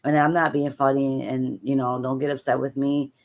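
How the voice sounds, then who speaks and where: Tearful mother on a livestream, low-pitched, halting, repeats herself, upset and angry. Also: flat delivery. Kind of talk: emotional live-stream talk.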